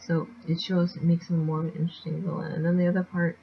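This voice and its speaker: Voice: mid-range voice, flat delivery, quick pace, vocal fry, muffled recording, a little hiss or hum. A speaker casually recapping a comic chapter in a rambling way, with lots of fillers and restarts. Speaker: manga chapter reviewer.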